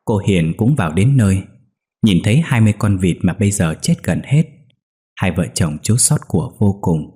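A man narrating a ghost story in a steady, suspenseful scripted read. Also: deep voice, normal speed, breathy edge. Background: faint music.

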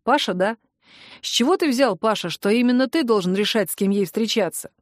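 A woman voicing a cocky, calm young man who mocks his girlfriend's brother. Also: fairly high pitch, dry recording, studio quality, close to an everyday voice. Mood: smug. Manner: mocking, unhurried.

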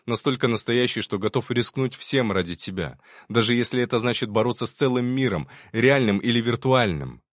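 A man reading the lines of a gentle, devoted young programmer in an audiobook. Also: mid-range voice, animated, a little fast, hardly any pauses, no room sound, studio quality, lightly acted. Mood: earnest.

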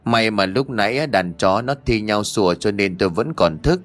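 A man doing a gruff, blunt neighbor. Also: lowish voice, animated, moderate pace, a bit bright. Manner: blunt, brusque. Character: gruff, calm middle-aged neighbor man.

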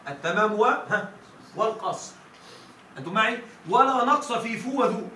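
A man teaching a grammar lesson to a class, often checking whether his students follow and drawing out quoted verses slowly. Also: sits high, animated, sharp tone. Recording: echoey room from a distance with faint noise.

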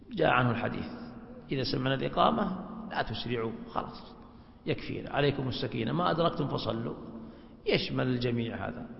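A man's voice: medium pitch, gravelly. A man, a religious scholar, teaching a class and explaining points step by step, often checking with rhetorical questions. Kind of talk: classroom lecture. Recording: echoey hall, dull lo-fi sound.

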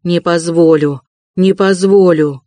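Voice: mid-range voice, fairly even intonation, slow, mellow, no room sound, studio quality, natural voice. A reader voicing an agitated young male student in an audiobook, tense and insistent. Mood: defiant. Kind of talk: audiobook character reading.

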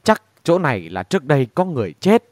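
A man's voice: a little high, huge pitch swings, quick pace, no room sound, studio quality. A man reading as an eager boastful villager. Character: eager middle-aged villager, a diver.

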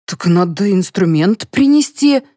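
A woman's voice: mid-range voice, lively intonation, unhurried, warm tone, no echo, clean studio sound, pitched above the performer's own voice. A woman voicing a blunt, simple housekeeper. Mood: matter-of-fact. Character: simple-minded, plain-spoken middle-aged housekeeper woman. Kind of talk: audiobook character voice.

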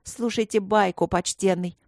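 A woman voicing a brash, tipsy young female dwarf mage who talks high, loud and excitable, slurring a little. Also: normal speed, no echo, clean studio sound, natural voice.

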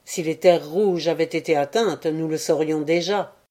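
A woman's voice: low-pitched, normal speed, darkish tone. A woman voicing a grave, weary adult man in an audiobook, speaking in a sober, resigned way. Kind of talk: audiobook character reading.

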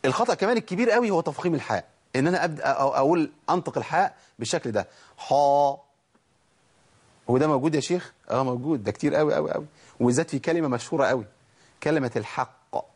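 A man's voice: on the high side, expressive, rapid-fire, breathy edge. An Egyptian man teaching Quran recitation, drilling letter sounds aloud and asking and answering his own questions. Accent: Egyptian Arabic. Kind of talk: tajweed lesson.

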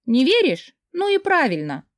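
A woman's voice: sits high, wildly swooping pitch, normal speed, no echo, clean studio sound, voice pushed up. A woman reading an audiobook voices a drunk, tearful young woman who talks in a flippant, dismissive way with a slur and a giggle. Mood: bitter.

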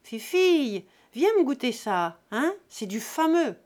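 Brief: female narrator doing a loud, jovial drunken country lout in an audiobook, pushed up higher and louder. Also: very animated, a little slow. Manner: loud, rowdy, jovial bellowing. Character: boisterous drunken middle-aged peasant man, crude joker.

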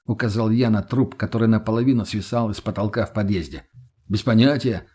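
A man's voice: on the low side, fairly even intonation, fast, mellow, slightly rough. A young man reading a first-person audiobook in a matter-of-fact, dry manner with coarse slang. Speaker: audiobook narrator.

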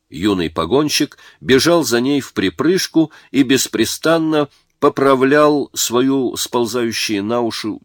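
A man reading a war story aloud as narrator, in a measured and dramatic way. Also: mid-range voice, no room sound, clean studio sound.

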